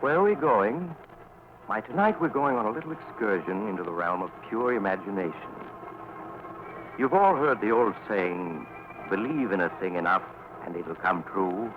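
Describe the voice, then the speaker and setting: An actor playing a sinister, teasing storyteller who hosts and narrates a 1940s radio suspense show with theatrical, deliberate pauses. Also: male voice, fairly low pitch, animated, noisy background, lightly acted. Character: sinister, teasing male mysterious traveler storyteller. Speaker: host and narrator. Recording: muffled old radio broadcast. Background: music.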